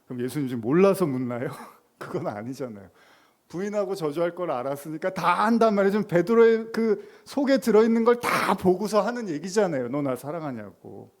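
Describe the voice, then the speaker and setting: Man preaching in a chatty, lively way. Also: high voice, brisk. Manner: conversational preaching, acting out dialogue, laughing often. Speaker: pastor. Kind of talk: sermon.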